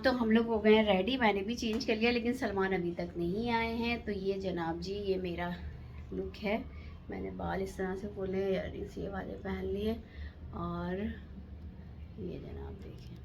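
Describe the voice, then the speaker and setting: A woman's voice: medium pitch, fairly even intonation, moderate pace, slight background noise. A woman family vlogger, chatting casually to her viewers and calling them "janab" as she films herself on a phone. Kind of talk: casual vlog narration. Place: at home and at a family birthday party.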